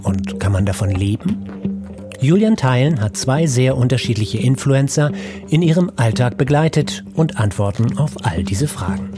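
A man's voice: medium pitch, lively intonation, normal speed, music in the background. A man presenting a scripted introduction to a radio reportage.

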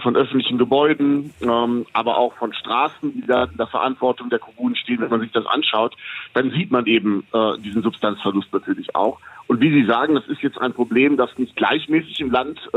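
A man, an economist guest, giving measured, explanatory interview answers with frequent hesitations. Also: medium pitch. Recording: tinny phone line, dry.

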